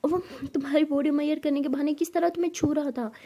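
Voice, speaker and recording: A woman's voice: high-pitched, fairly even intonation, fast talker, mellow. A woman voicing a jealous, short-tempered young girlfriend who speaks curtly. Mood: irritated. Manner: curt, irritated.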